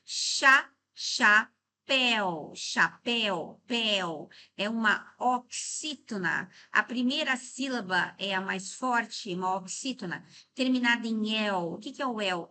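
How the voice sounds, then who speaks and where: Bright-voiced Brazilian woman teaching grammar. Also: medium pitch. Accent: Brazilian Portuguese. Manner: didactic, checks in often with "tá?" and "né?"; slows and stresses words to break them into syllables. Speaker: Portuguese teacher. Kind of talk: exam-prep grammar lesson.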